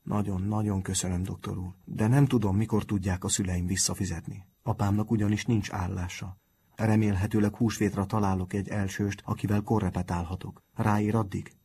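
A man's voice: on the low side, flat delivery, husky. A man doing a shy, polite schoolboy. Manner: soft, hesitant, polite. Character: shy, proud young schoolboy.

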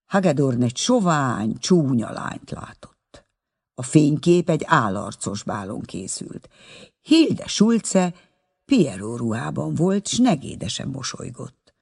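A man narrating a novel in an expressive storytelling manner. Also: medium pitch, vocal fry, slightly rough. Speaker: audiobook narrator.

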